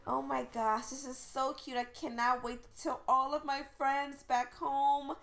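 High, gushing woman role-playing a game. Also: unhurried, gravelly, a little hiss or hum. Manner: gushing, excitable, frequent gasps and squeals. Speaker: gaming video creator. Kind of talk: in-character game role-play narration.

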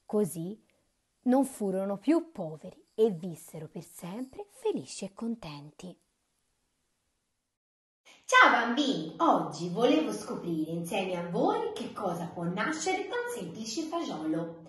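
Husky woman telling a children's tale. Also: mid-range voice, slow pace. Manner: expressive, drops to whispers for suspense. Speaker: children's storyteller. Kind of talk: reading a fairy tale to children.

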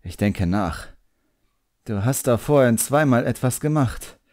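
A man reading an audiobook, voicing an agitated young apprentice magician boy who shouts indignantly. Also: mid-range voice, expressive, measured pace, voice pushed up, natural voice. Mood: angry.

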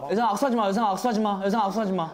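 A man's voice: high voice, fairly even intonation, very fast, a crowd in the background. A young man on a variety show, bossing the others around and laughing. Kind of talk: playful variety show banter.

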